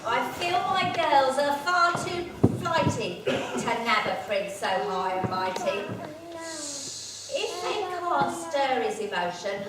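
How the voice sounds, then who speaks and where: A woman playing a spiteful, bossy wicked stepmother in a camp rhyming stage pantomime, scolding theatrically. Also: on the high side. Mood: sly, scheming. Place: stage in a large echoey venue. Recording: echoey noisy hall, distant mic.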